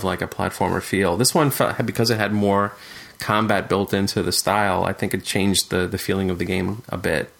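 A man's voice: on the low side, vocal fry, fairly bright tone. A man co-hosting a casual podcast chat, talking thoughtfully with frequent fillers and restarts. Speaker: podcast co-host discussing retro games.

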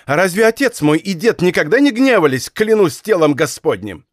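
A man reading a commanding, impatient young king in an audiobook, firing off sharp questions. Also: high-pitched, big pitch swings, normal speed, no room sound, clean studio sound, pitched above the performer's own voice. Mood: furious. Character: angry young male king, imperious and impatient.

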